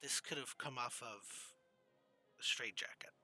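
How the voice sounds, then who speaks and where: A man playing a tabletop game in character, speaking quietly and haltingly. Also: mid-range voice. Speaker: player.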